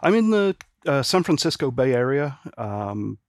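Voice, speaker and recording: A man from Northern Ireland who grew up in England chats easily and at length as a podcast guest from his home office. His voice is medium-pitched at a moderate pace, and the recording is studio quality with no room sound. Relaxed and easygoing, he explains things at length, using fillers along the way.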